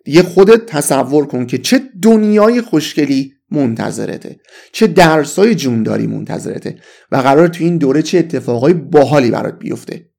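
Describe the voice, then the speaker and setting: Man, Persian accent, English teacher, lively pitch, gravelly voice, enthusiastic. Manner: enthusiastic, coaxing, says English phrases slowly. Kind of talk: online vocabulary lesson in Persian.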